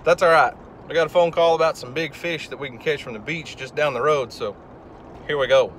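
A chatty man in his thirties narrates his fishing day to a handheld camera out on the beach. His voice sits a touch high. Faint wind and surf hiss behind him. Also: fairly quick, fairly bright tone. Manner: upbeat, chatty, talks to camera. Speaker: fishing vlogger. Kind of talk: casual outdoor vlog. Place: windy beach outdoors. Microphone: handheld camera at arm's length.

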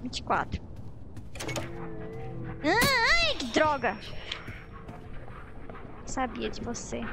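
A Brazilian woman streams a game in a very high, lively voice. She is dramatic and excitable, often repeating words in bursts. Game music plays behind her. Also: extremely slow, gravelly. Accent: Brazilian Portuguese. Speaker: streamer playing a horror game. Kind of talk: live gaming commentary, casual chat.

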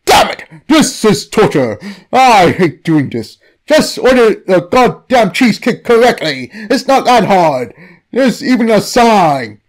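A man's voice: high-pitched, big pitch swings, takes it slowly, voice pushed up, full character voice. A man putting on a gurgling whiny cheesesteak god. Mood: exasperated. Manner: whining, pleading. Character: whiny gurgling male cheesesteak blob deity.

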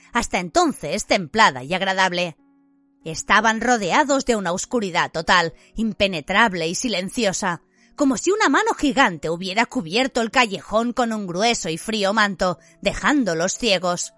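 A woman narrating an audiobook in an expressive storytelling manner. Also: medium pitch, no echo.

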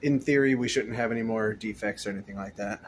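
Filming on a handheld phone, a vlogger walks through the rows of tanks in his indoor fish room, rambling in a relaxed way. He's a fast talker with a fairly low-pitched voice, and slight background noise is audible.

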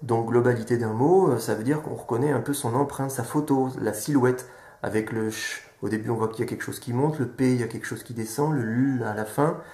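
A man calmly explaining to viewers how children learn to read, sounding out syllables one by one. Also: mid-range voice, brisk. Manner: patient, sounds out syllables step by step. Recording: echoey room.

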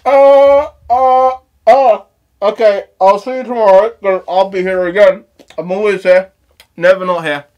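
A woman's voice: mid-range voice, steady tone, measured pace, lo-fi sound. A woman vlogger in a giggling laughing fit who keeps breaking into laughter mid-sentence as she tries to sign off. She sounds tired and keeps repeating herself. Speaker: comedy vlogger. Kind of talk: casual unscripted vlog sign-off.

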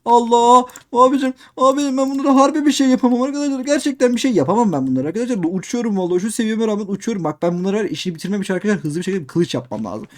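A young man doing excitable game commentary, repeating himself and talking straight to his viewers. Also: high voice, rapid-fire, few pauses. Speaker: gaming youtuber. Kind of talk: let's play commentary.

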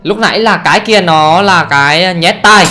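A man giving let's play commentary on a horror game, excitable and often exclaiming and swearing casually. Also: high voice, moderate pace, soft background music. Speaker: gamer, channel host.

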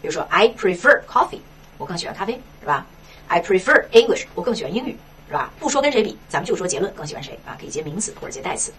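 A woman teaching an English textbook lesson in Mandarin, asking herself questions and tagging many lines with a quick "right?". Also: fairly low pitch, recorded from a distance. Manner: lively, rhetorical questions, frequent "是吧".

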